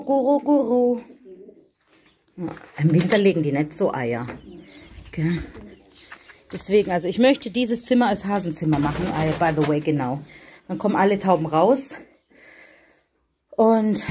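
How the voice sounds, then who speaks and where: A woman chatting casually through a vlog as she tends her animals in a farm shed, often cooing softly to them. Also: fairly low pitch, slight background noise. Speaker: vlogger.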